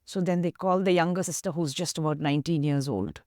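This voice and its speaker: A woman's voice: deep voice, a little fast, dark tone, no room sound, studio quality. A woman with an Indian English accent, an activist guest earnestly retelling a story in an interview and voicing its dialogue.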